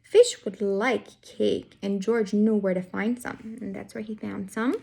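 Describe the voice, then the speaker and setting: In a children's read-aloud, a woman tells the story of a picture book the way a teacher would, full of expression and putting guiding questions straight to the young listeners. Her mid-range voice is warm, gravelly and slightly rough, steady in tone and a little slow.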